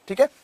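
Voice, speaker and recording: A man in his thirties with a Rajasthani Hindi accent, teaching an online exam-prep Hindi class and firing quick questions at his students. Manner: drilling students with quick questions, loud and insistent.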